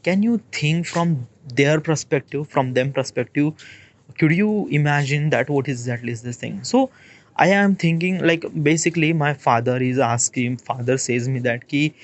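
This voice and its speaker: A man in his late twenties with an Indian English accent, thinking aloud in a rambling, halting monologue and checking in with "okay?" as he goes. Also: fairly high pitch. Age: 20s. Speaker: vlogger. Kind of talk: casual reflective monologue.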